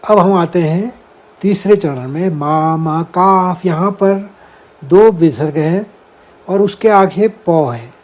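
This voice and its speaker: A man leads a scripture lesson at a very unhurried pace, sounding out each Sanskrit syllable with care. His voice is warm and mellow and sits a little high for a man. He talks to his listeners as friends and walks them through each verse step by step. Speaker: Gita teacher. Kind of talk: slow explanatory lesson.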